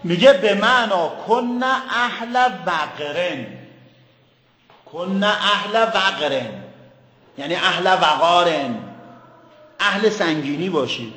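A male teacher giving a lecture on Quran commentary in a classroom. He keeps asking the class questions and recites words slowly. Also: high voice, expressive, sharp tone, echoey room, in a large hall, a little hiss or hum, rough recording. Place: classroom with a board.

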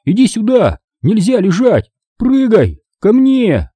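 A man's voice: high-pitched, a little slow, husky, no room sound, clean studio sound, pitched above the performer's own voice, heavily acted. A man doing a desperate pleading boy. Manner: excited, pleading.

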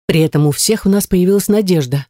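A woman narrating a first-person fantasy audiobook in a lively, wry manner. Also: on the low side, fast, dry recording, clean studio sound. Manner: lively wry storytelling with exclamations.

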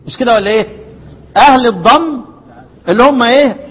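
A man with an Egyptian accent teaching a recitation class, often asking his students a question and then answering it himself. His voice sits high and sounds a little husky. He now and then slips into slow chanted verses, all carried by a long hall echo. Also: fairly bright tone. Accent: Egyptian Arabic. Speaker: sheikh teaching Quran recitation. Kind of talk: classroom lesson.

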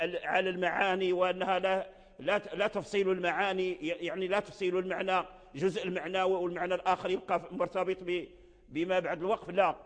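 A man with a high voice gives a patient lesson on Quran recitation rules. He pauses and repeats words mid-thought and slows to sound out examples. His voice carries a long hall reverb. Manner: halting, repeats words while explaining, slows to spell out examples. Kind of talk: spoken religious lesson on Quran reading rules.

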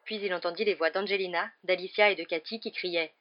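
A woman reads a novel aloud in a lively storytelling manner, her voice sitting fairly low. The recording is close to the mic but muffled and lo-fi. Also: quick pace. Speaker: audiobook narrator. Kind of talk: scripted narration of a novel.

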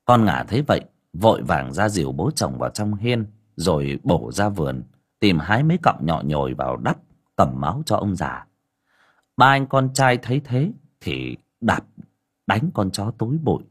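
A male storyteller reads an audiobook in a low, husky voice. His delivery is dramatic and expressive, with a lively rise and fall of pitch. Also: moderate pace. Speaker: audiobook narrator. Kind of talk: storytelling narration.

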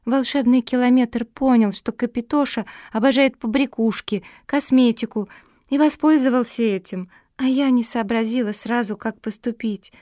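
A woman voicing an earnest young female dog who speaks high and urgent. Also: normal speed, dark tone, no room sound, clean studio sound, close to an everyday voice. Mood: tearful.

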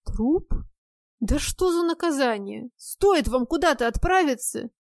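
A furious, jealous husband shouts his commands, put on by a woman narrating a storybook. He barks short orders in a loud, forceful voice. The recording is dry and close. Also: sits high, expressive, unhurried, no room sound. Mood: alarmed. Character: angry jealous husband, adult man.

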